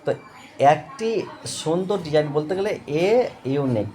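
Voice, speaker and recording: A male English tutor teaches grammar to students, speaking slowly, repeating and spelling out words, and often checking "okay?" His voice is on the high side and mellow with lively intonation, and faint music plays behind him.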